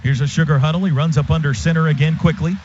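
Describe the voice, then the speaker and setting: An American radio announcer follows the football action live in short, vivid bursts from a stadium booth. His slightly high, a little mellow voice is fast with fairly even intonation, over a muffled, noisy broadcast signal.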